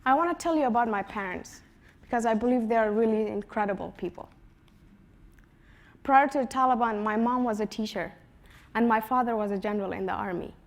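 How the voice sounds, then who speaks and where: A woman in her twenties from Afghanistan, giving a prepared personal talk in an earnest storytelling manner, her voice dropping softly at the ends of phrases. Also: fairly high pitch, brisk. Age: 20s. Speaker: conference speaker.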